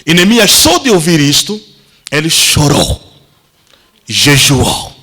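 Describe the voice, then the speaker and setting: Pastor, male, bright high voice with wide swings, theatrical sermon storytelling. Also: big pitch swings, takes it slowly, rough recording. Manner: theatrical, acts out the story's voices, shouts at climaxes. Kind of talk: dramatic Pentecostal sermon storytelling.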